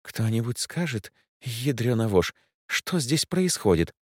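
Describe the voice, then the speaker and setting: A man's voice: mid-range voice, big pitch swings, a little slow, slightly rough, no echo, clean studio sound, voice pushed up. A man voicing a blunt, irritable woman who sounds exasperated. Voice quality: cranky, exasperated.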